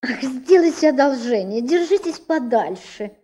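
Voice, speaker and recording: A woman's voice: high-pitched, lively intonation, moderate pace, dark tone, voice pushed up. A woman voicing a prim, easily offended female garter in a storybook, talking in an indignant way.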